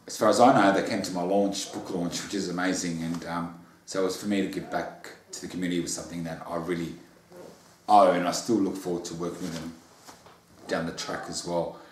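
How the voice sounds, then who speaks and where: A man's voice: low-pitched, fairly even intonation, a little fast, a little hiss or hum. An Australian man being interviewed about his memoir, talking in a bubbly, earnest way with repeated words. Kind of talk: casual interview chat. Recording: roomy echo.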